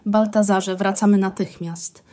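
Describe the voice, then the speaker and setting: A woman's voice: medium pitch, steady tone, a little slow, dark tone, lightly acted. A woman voicing an effusive aristocratic countess and wife who talks in an emphatic, gushing way. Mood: worried.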